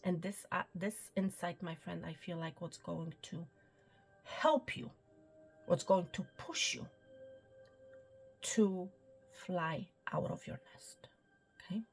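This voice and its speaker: A woman giving a spiritual reading in a soft, reassuring way, often dropping to a whisper and checking in with the listener. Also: on the low side, slow, pauses often. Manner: soft, reassuring, repeats "okay" and "my friend"; drops to a whisper at times. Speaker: psychic reader. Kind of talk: tarot-style spiritual reading to camera. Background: soft background music.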